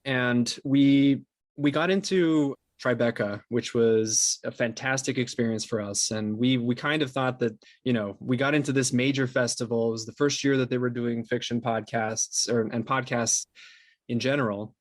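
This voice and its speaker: Being questioned as a podcast producer, this man explains conversationally, with a halting delivery full of restarts. He has a mid-range voice with fairly even intonation, captured in a dry recording.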